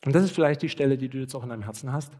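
A male pastor preaches a sermon in a lively storytelling manner and acts out bits of dialogue as he goes. He turns often to speak straight and earnestly to the congregation. His voice sits at a middle pitch for a man. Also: very fast. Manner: addresses listeners directly and earnestly.

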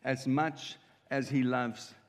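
A South African guest preacher in his 50s delivers a sermon in a church hall, speaking earnestly in short, emphatic lines that a live interpreter follows. His medium-pitched voice moves little in pitch and goes slowly, with long church hall reverb on the recording.

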